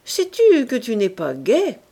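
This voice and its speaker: A cheeky, ironic young man of twenty, as a woman reads him in a storybook reading, teasing in a calm, amused way. The voice is breathy and rather slow. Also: a little high, pitched above the performer's own voice, exaggerated voice.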